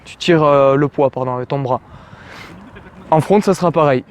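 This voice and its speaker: A man from France teaches a pulling exercise in relaxed, informal speech, throwing in little jokes. His voice sits a bit high. Faint city traffic hums in the background. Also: normal speed. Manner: informal, addresses viewer as tu, jokey asides. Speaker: calisthenics coach. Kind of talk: casual outdoor workout tutorial.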